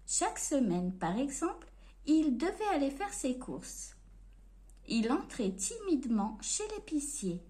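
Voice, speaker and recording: A woman reading a storybook aloud to children in an expressive, playful way. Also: high-pitched, a little slow.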